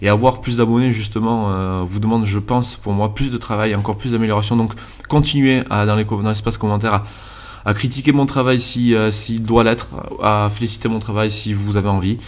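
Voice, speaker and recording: Brief: twenties male gaming YouTuber, southwestern French accent, lowish voice, sincere and halting, cheap mic. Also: steady tone. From Landes, southwest France. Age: 20s. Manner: earnest, hesitant with frequent "euh" fillers. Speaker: YouTube gaming channel host. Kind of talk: voice-over commentary over gameplay. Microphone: basic cheap microphone.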